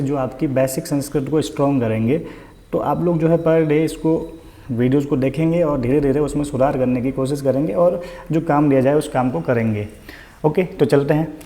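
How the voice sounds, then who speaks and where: A man's voice: fairly high pitch, warm tone. A man teaching an online Sanskrit vocabulary lesson, patient and repetitive, who asks the listener questions and then answers them.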